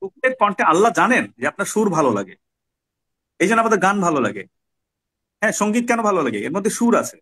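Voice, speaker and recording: Bangladeshi male trainer, fairly high husky voice, teacherly, quizzes the room. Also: big pitch swings, fast talker, long pauses, pushed and bright. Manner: teacherly, asks the class questions and acts out examples. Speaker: soft skills trainer. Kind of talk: classroom lecture.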